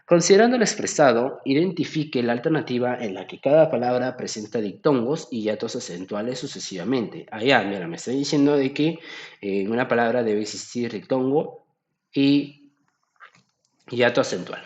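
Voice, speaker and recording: A man's voice: medium pitch, moderate pace, a little mellow, lo-fi sound. Man tutoring, echoey room. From Peru. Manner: explanatory, checks in with "¿ok?" often. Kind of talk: exam-solution lesson.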